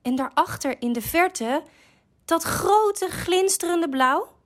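Vrouw die een opgewonden kleine kikker speelt. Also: female voice, expressive, takes it slowly, heavily acted. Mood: eager. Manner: eager, squeaky, full of wonder. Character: small excited young male frog.

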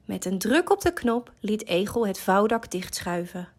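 A woman reading a children's story aloud, slow, gentle and expressive. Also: medium pitch.

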